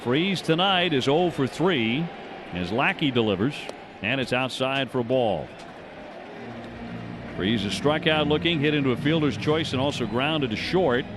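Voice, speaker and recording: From a ballpark broadcast position, a man calls live baseball play-by-play on radio, using descriptive, clipped phrases that track the action. His voice is mid-range and unhurried, with steady outdoor stadium noise all around.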